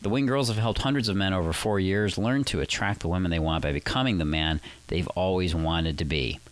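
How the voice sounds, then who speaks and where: A male podcast host, raspy and recovering from flu, talking persuasively and emphatically about dating, then interviewing a guest. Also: sits low, a little fast. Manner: persuasive, emphatic, rising on key lines.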